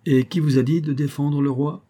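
A man's voice: on the high side, fairly even intonation, normal speed, warm tone, voice pushed up. A man reading an audiobook, voicing a bold musketeer officer who speaks brusquely and mockingly in short commands. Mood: stern. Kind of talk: audiobook character voice.

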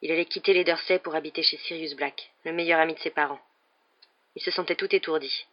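An audiobook narrator with a mid-pitched voice reads a novel fast, in a steady, dramatic manner. The recording sounds slightly dull.

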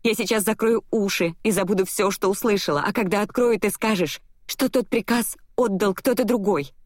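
Reader voicing an enraged young heroine for an audiobook, raised shrill tone, dry close sound. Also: female voice, normal speed, no echo, close to an everyday voice. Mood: pleading. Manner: shrill and desperate, lashing out. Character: furious, grief-stricken young woman, defiant. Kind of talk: audiobook character voice.

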